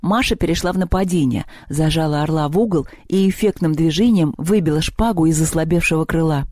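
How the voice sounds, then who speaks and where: A man narrating a children's story as an audiobook with lively, expressive storytelling. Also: a little high, brisk, no room sound, clean studio sound.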